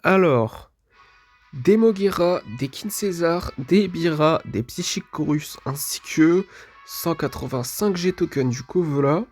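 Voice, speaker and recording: A man's voice: fairly high pitch, unhurried, soft background music. A man, casually commenting on a mobile game while opening rewards, hesitant and full of fillers. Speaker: gaming video creator.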